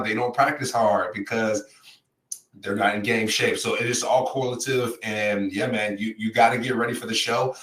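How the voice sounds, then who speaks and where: A former player co-hosts a sports podcast, talking casually in a mid-range, fairly bright voice. He makes emphatic points, repeats them, and addresses his co-host by name, while the poor audio sounds reverberant and distant from the mic.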